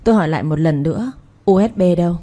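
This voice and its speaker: A woman's voice: fairly low pitch, very fast, dark tone, natural voice. A woman voicing a cold, commanding male gang enforcer who gives curt demands in a read-aloud story. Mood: cold demanding.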